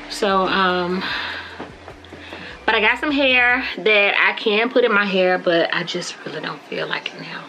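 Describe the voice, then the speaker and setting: A woman in her thirties chatting casually to her phone camera at arm's length in a bedroom, relaxed and a little sleepy as she rambles. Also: medium pitch, measured pace, slight background noise, rough recording. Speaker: family vlogger. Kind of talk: casual vlog chat. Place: bedroom at home.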